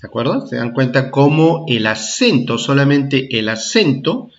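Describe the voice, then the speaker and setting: Here a man with a mid-range voice and big pitch swings leads a lesson for primary school kids, heard through lo-fi sound. He repeats himself slowly and checks in often, asking "¿ah?" and "¿de acuerdo?"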